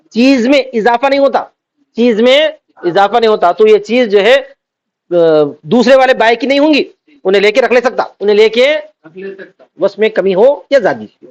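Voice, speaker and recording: A man teaching Islamic law, reading out Arabic text and then explaining it by asking and answering his own questions. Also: extremely high pitch. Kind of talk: classroom lecture. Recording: dull lo-fi recording.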